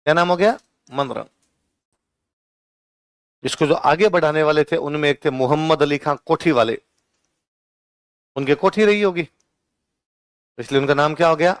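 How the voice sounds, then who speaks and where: A male teacher giving an exam-prep lecture with a Rajasthani Hindi accent. He keeps asking questions and answering them himself, and he dictates notes slowly, saying each line more than once. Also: fairly high pitch, clear, resonant tone, no echo.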